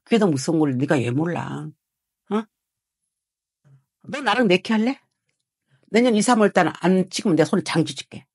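A woman's voice: lowish voice, lively intonation, moderate pace, pauses often, a little mellow, breathy edge, dry recording, clean studio sound. A woman fortune teller harshly scolding a client, swearing and prodding him with rhetorical questions. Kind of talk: heated consultation with a client.

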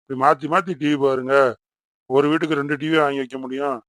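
A man voicing a mild father in a cartoon who calmly settles his children's quarrels. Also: a little high, quick pace, no room sound, close to an everyday voice. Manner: calm, placating. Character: mild-mannered father, peacemaker. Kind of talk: Tamil cartoon voice acting.

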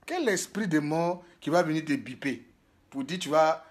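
A prophet and spiritual guide from Côte d'Ivoire records a casual video diary on a handheld phone in a hotel room. His fairly high voice moves at a normal speed as he tells stories animatedly, laughing and exclaiming.

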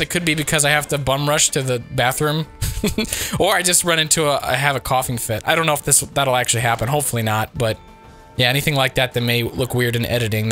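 A man hosting a casual gameplay commentary while sick, his voice still not fully recovered, reacting excitably with frequent exclamations. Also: fairly high pitch. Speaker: let's play host.

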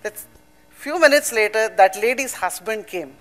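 A woman's voice: on the high side, lively intonation, normal speed. An older woman with an Indian English accent speaking earnestly at a public event, mixing emphatic points with personal stories. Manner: earnest, emphatic, storytelling with asides. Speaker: panel speaker.

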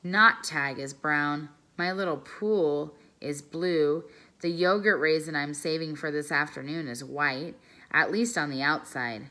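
A woman calmly reading a children's novel aloud, careful and measured as a teacher. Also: low-pitched. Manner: calm, careful storytelling, pausing over phrases.

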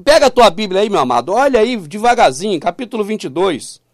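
A man preaching on video who reads scripture aloud slowly, then presses the listener with repeated questions. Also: high voice, sing-song, dry recording, clean studio sound. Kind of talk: YouTube Bible teaching.

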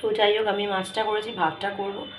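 A woman's voice: mid-range voice, little pitch movement, a little fast. A woman chatting casually to viewers in a home vlog, her voice congested from a cold and a sore throat. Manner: chatty, talks to viewers while showing around. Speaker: vlogger. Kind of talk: casual daily vlog chat. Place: home kitchen. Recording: roomy echo, faint background noise.

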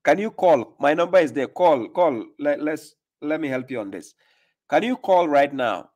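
A man's voice: on the high side, animated, moderate pace, a little mellow, dull audio. Insistent man hosting a call-in stream. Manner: pressing, questioning, repeats himself. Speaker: livestream host. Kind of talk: live call-in debate. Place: small room indoors.

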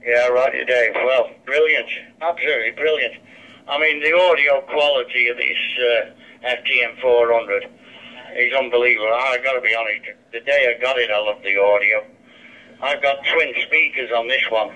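A man's sharp, medium-pitched voice at a moderate pace comes over a handheld radio as he chats casually with fellow hams. The two-way radio speaker sounds dull and lo-fi.

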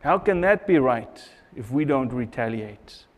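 A man's voice: mid-range voice, expressive, unhurried, in a large hall. A middle-aged man preaching a sermon at a church pulpit, earnest and repeating phrases for emphasis, on a lapel mic. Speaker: pastor.

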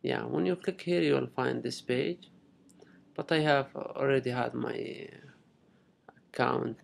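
In an unscripted screen-recording walkthrough, a young Saudi international student, Arabic his native tongue and his accent Saudi, explains things step by step in simple, halting phrases. His creaky voice sits in the mid-range, and there is slight background noise.

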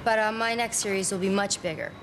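An actress playing a smooth, chatty woman artist in a naturalistic TV film. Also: medium pitch, fairly even intonation, quick pace, natural voice. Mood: casual, probing. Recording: noisy film soundtrack with background ambience.

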